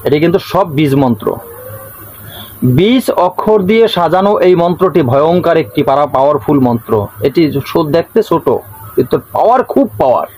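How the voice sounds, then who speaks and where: A man with a Bengali accent hosting his channel, explaining a ritual to viewers in a repetitive, drawn-out way. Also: on the high side, lively intonation, a little mellow, rough recording. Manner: repetitive, draws out words slowly when reciting. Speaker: channel host teaching folk rituals. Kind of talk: casual instructional talk to viewers.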